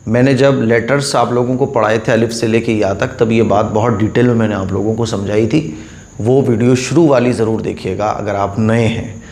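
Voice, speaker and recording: A man's voice: on the low side, steady tone, moderate pace, darkish tone. A man teaching Quran reading step by step, patiently drilling each letter and repeating the rule. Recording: echoey room.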